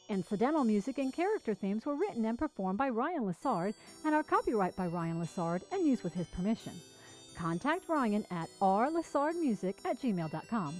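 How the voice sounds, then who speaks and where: Woman reading credits over soft music. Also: mid-range voice, poor audio. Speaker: announcer. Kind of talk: read credits announcement.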